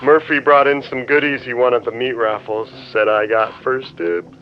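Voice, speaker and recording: An actor playing a smug, corrupt small-town police officer, heard over a phone on speakerphone. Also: male voice, medium pitch, normal speed, faint music behind. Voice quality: smug, mocking, giggly. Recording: dull lo-fi phone line.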